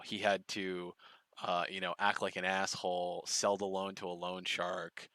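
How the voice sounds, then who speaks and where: A man's voice: low-pitched, a bit bright, no room sound. A man streaming, commenting on a played clip in a sneering, sarcastic and profane way. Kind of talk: mocking reaction commentary.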